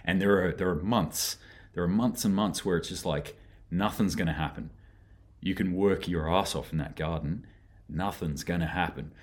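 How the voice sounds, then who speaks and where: A man with a low, husky voice hosts a casual livestream news chat. He rambles earnestly, restarting sentences and filling pauses with ums. The delivery is relaxed and conversational. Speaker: host of a daily preparedness news show.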